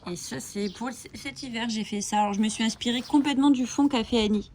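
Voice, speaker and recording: Speaking fairly quickly, a coloring-channel host shows off coloring books in a casual flip-through, enthusiastic and full of fillers. Her voice is a little high and darkish, with fairly even intonation. Birds chirp amid slight background noise.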